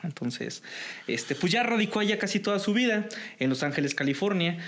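A man with a Mexican Spanish accent co-hosts a relaxed podcast conversation. His voice sits a little high for a man. He pauses often, restarting sentences and filling gaps as he thinks aloud. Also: a little hiss or hum. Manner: hesitant, many fillers and restarts. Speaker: podcast host. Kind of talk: casual podcast chat.

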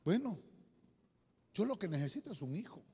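A man's voice: high-pitched, big pitch swings, moderate pace, warm tone, slightly rough, pitched below the performer's own voice, full character voice. A man playing a grieving childless woman who pleads at the altar and repeats her complaints in a raised voice. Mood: anguished. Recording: long hall reverb.

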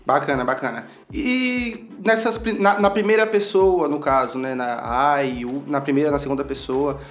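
A man, a podcast co-host asking questions in a halting, inquisitive way. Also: a little high, soft background music.

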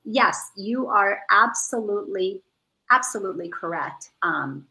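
Over a video call, a woman who grew up in the Dominican Republic speaks earnestly as a guest in a casual spiritual chat, repeating words as she searches for them. Her medium-pitched voice is animated and unhurried with a sharp tone, and the audio is poor.

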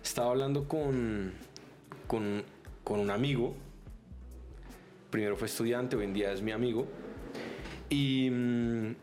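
A man who coaches, a guest on a podcast, answering in a measured way with a few hesitant restarts. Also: medium pitch, darkish tone, faint music behind. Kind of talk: conversational interview answers.

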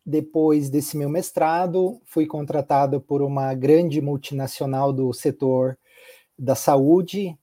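A healthcare executive appears as a podcast guest, his voice fairly high yet dark in tone, carrying a southern Brazilian accent from Curitiba. He speaks reflectively and repeats words for emphasis.

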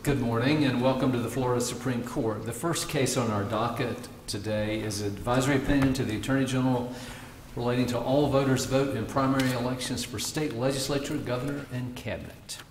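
A man's voice: mid-range voice, fairly even intonation, fairly quick. A man speaking formally from the bench as a presiding judge. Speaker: presiding chief justice. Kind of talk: formal remarks and questions from the bench. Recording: echoey reverberant courtroom, faint noise.

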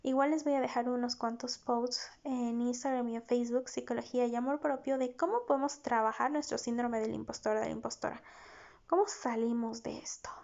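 A young woman, hosting a self-help podcast as a therapist, speaking in an encouraging way with soft asides. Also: fairly high pitch, fairly even intonation, brisk, vocal fry, hardly any pauses, dull audio.

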